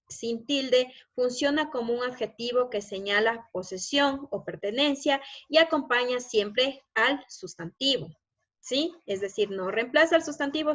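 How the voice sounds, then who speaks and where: A woman's voice: fairly high pitch, dull audio. A woman teaching a recorded lesson over slides, explaining step by step and checking in often with short questions.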